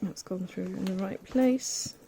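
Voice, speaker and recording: A woman giving a casual hands-on sewing demonstration, chatty and thinking aloud as she pins fabric, with soft asides. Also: mid-range voice, unhurried, creaky, a little hiss or hum. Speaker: quilting tutor.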